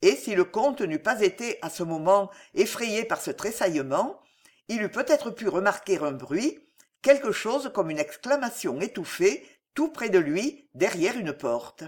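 Expressive woman reading a novel aloud. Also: medium pitch, measured pace. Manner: dramatic, expressive. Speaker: audiobook narrator.

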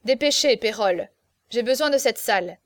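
A woman's voice: on the high side, expressive, moderate pace, dry recording, close to an everyday voice. Gonzague, a woman voicing a mocking, commanding prince. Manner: curt, commanding, sardonic.

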